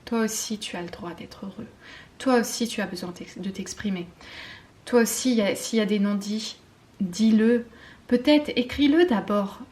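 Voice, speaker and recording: A French woman giving a spiritual card-reading guidance, talking softly and intimately, often slipping into a whisper, with hesitant fillers and self-mocking laughs. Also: medium pitch. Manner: slow, soft and intimate, often dropping to a whisper. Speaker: tarot card reader.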